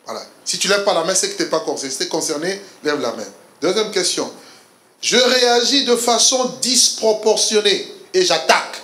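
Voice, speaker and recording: A man leads a church seminar with a high, bouncing voice that swoops up and down as he quizzes the room. He jokes and laughs with his listeners, and his words ring out in an echoey church hall. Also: moderate pace. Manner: animated, quizzes the audience with laughter. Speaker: speaker leading a couples seminar. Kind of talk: interactive church teaching.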